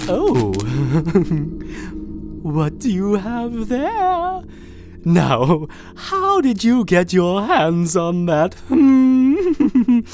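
A woman's voice: fairly high pitch, mellow, exaggerated voice. A woman voicing an unhinged, possessive captor in an audio drama monologue, coaxing and sing-song one moment and screaming with rage the next. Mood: coaxing threat. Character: unhinged possessive captor, sweetly menacing villain.

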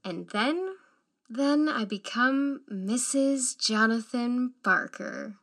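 A woman playing a young bride, affectionate but briskly bossy, in a naturalistic drama. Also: on the high side, animated, fairly bright tone, exaggerated voice. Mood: tender, dreamy. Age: young adult. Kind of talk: naturalistic found-footage drama acting.

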